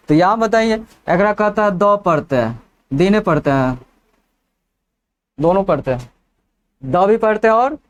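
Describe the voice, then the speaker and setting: A man's voice: sits high, smooth. A man teaching an English lesson in a folksy way, asking the class rhetorical questions and joking on the side.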